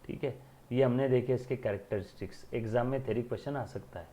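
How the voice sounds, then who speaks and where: Commerce teacher guy lecturing, keeps asking clear? and answering himself. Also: mid-range voice, fast, mellow. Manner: repeats questions and answers them himself, calls students beta. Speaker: accounting teacher. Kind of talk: classroom lecture.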